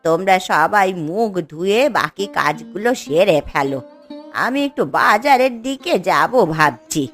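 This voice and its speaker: A stern old grandmother from a cartoon scolds and grumbles wearily, voiced by a woman. Her voice swings lively up and down. Faint music plays behind her. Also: mid-range voice, a little slow. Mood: weary. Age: older. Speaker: voice actor. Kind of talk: cartoon voice acting.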